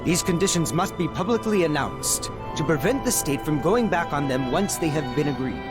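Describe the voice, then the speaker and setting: A man's voice: a little high, expressive, close to an everyday voice. Man acting composed, lighter-voiced scientist. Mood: serious, composed. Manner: measured, formal, serious. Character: earnest, composed, formal male research scientist. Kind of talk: video game voice acting. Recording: loud music behind the voice.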